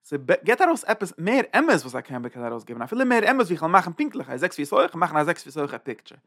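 A man's voice: fairly high pitch, sing-song, fast talker, fairly bright tone, no echo, clean studio sound. A man teaching a Torah lecture, thinking aloud and searching for words as he explains. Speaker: religious teacher.

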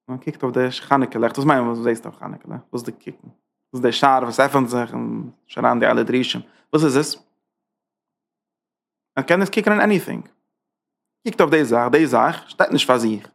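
A man's voice: mid-range voice, normal speed, creaky, a bit bright. A man teaching a Torah class as a rabbi, driving his points with rhetorical questions and emphatic repetition. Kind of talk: Torah lecture.

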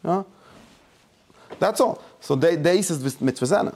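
A man with a fairly high, animated, slightly mellow voice teaches a religious study lesson at a moderate pace. He explains emphatically, frequently breaking off and starting over, and mixes English words into his German.

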